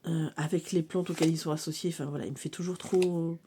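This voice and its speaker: Woman, casual chat, lots of fillers, lowish voice, faint background hiss. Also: fairly even intonation, fast talker. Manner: chatty, many fillers, laughs easily. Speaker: cartomancy vlogger. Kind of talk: casual show-and-tell of oracle decks.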